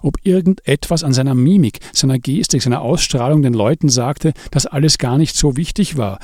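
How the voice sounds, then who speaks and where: Man reading an audiobook, steady and even, dry close studio sound. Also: medium pitch, a little fast, no echo. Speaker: narrator. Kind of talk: audiobook narration.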